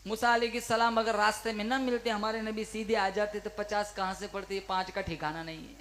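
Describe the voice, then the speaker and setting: A man's voice: high voice, little pitch movement, fairly quick, a bit bright. A male preacher giving a fervent sermon, rousing the listeners and calling on them to answer back. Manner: fervent, rousing, calls for crowd responses.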